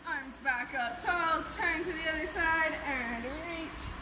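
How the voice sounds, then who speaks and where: A woman's voice: high voice, slow pace, reverberant. A woman gymnastics coach leading a live-streamed stretching class in a casual, encouraging way, giving instructions and counts. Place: gym floor with fans. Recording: noisy live-stream audio with steady background hum.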